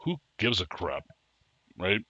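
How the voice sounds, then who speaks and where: A man co-hosting a casual chat show, chatty and quick to laugh. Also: deep voice, slightly rough, no echo. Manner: laughs often, chatty and animated. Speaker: podcast co-host. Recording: dull lo-fi sound.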